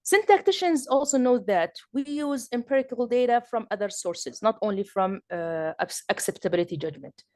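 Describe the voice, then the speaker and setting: A linguistics lecturer from southern Jordan, speaking with a Jordanian Arabic accent, gives an academic lecture hesitantly, full of fillers and restarts. Her voice is on the high side and a little mellow, with lively intonation and a moderate pace. The recording is clean studio sound with no room noise.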